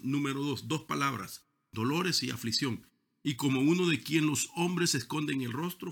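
A man's voice: medium pitch, bright, forceful tone. A man preaching a sermon with emphasis, stretching key words and sometimes repeating himself.

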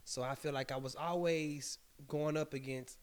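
A man's voice: a little high, normal speed. A man in his thirties from Texas, a track coach, telling stories animatedly in a podcast interview. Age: 30s. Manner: animated, storytelling, leans on "you know what I mean". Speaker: track coach and former athlete.

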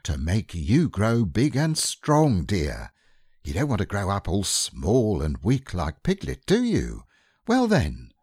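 A man's voice: fairly low pitch, huge pitch swings, slow pace, a little mellow, breathy edge, no room sound, studio quality, heavily acted. A man voicing a motherly female kangaroo who is cheerful, firm and soothing. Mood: brisk motherly.

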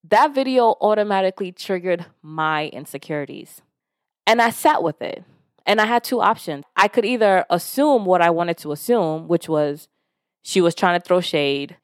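A Nigerian woman whose first language is Yoruba hosts a podcast, delivering a candid self-help monologue about self-growth, frank and casual with the odd curse. Her voice is on the low side at normal speed, recorded dry with clean studio sound. She gets lively when retelling stories and voicing other people.

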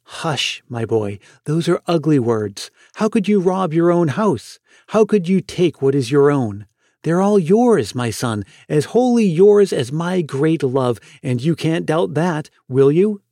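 A man's voice: on the high side, animated, unhurried, no room sound, studio quality. Man reading as a tender, pleading mother. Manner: soft, pleading, emotional. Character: loving middle-aged mother, tender and pleading.

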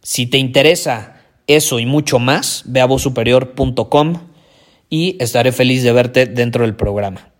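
A male voice coach hosts an energetic motivational podcast at normal speed. He speaks emphatically, repeats key phrases, and swings his pitch and volume.

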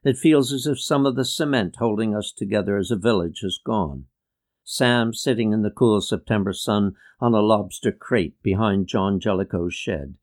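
A man reading a memoir aloud in a measured, reflective way. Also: on the low side. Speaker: reader.

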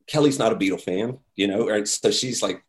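A man telling a story in casual talk, animated, acting out quotes with many fillers. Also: on the low side, brisk.

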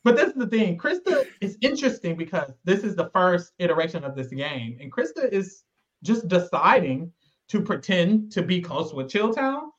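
Man, podcast co-host, animated slangy storytelling, lively high voice, muffled lo-fi audio. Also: moderate pace. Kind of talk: casual recap chat.

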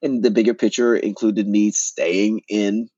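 A man, an actor and playwright, telling his story as an interview guest in an animated way, often repeating words and restarting. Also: on the low side, measured pace, no echo, highs cut off.

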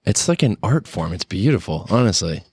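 A man's voice: on the low side, very animated, a little fast, noisy background. Laid-back slangy man, casual chat.

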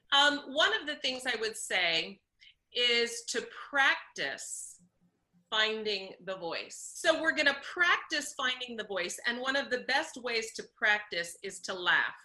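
Woman voice coach, bright and ringing, a little high, teaches by demonstrating. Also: lively intonation, measured pace. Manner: instructive, demonstrates vocal sounds. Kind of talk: interview answers, coaching demonstration.

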